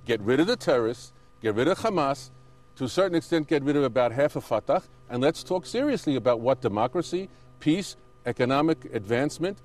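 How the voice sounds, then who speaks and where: Speaking with animation and a darkish tone, a man answers as an interview guest, an Israeli settler. At a fairly quick clip and medium pitch, he pushes back insistently while occasionally correcting himself hesitantly.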